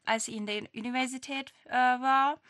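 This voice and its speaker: A woman's voice: high voice, fairly even intonation, normal speed, a bit bright. A woman in her twenties from Turkey, a non-native speaker, answering interview questions hesitantly with many fillers. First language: Turkish. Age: 20s. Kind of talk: casual interview.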